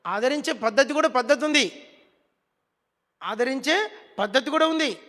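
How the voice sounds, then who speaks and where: A man's voice: extremely high pitch, animated, measured pace, pushed and bright, long reverb tail. A man preaching a sermon as pastor, emphatic and scolding, who has the congregation repeat his words.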